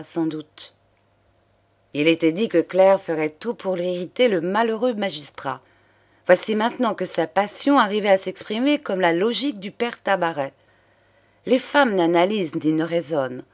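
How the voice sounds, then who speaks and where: A woman reads a classic detective novel aloud as narrator. Her voice is somewhat low and her reading is steady and expressive. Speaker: audiobook reader. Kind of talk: literary narration.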